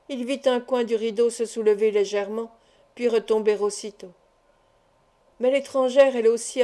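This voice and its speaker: Woman audiobook narrator, warm mellow tone, slightly high, measured and expressive. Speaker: audiobook reader. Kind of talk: scripted novel narration.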